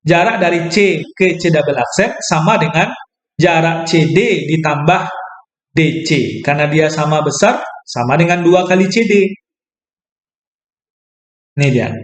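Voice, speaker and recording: Male math lecturer, slightly high voice, self-correcting, talks through a proof in a roomy space. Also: measured pace, long pauses. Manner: thinks aloud, self-corrects, asks "ya kan?". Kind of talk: explaining a geometry proof.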